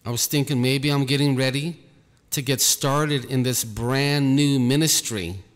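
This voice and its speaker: Slow, earnest man with echo. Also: medium pitch, fairly even intonation. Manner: earnest, slow, repeats himself. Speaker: ministry leader. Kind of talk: personal testimony monologue.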